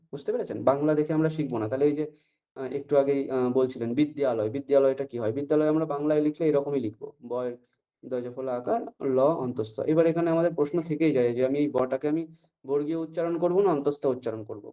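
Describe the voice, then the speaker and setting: A male teacher leads an online lesson over a video call, walking through each point patiently and stopping to check that his students understand. His voice sits a little high and has a mellow, relaxed tone. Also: dull audio. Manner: patient, explains step by step, checks often for understanding. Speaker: Sanskrit teacher. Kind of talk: online class lecture.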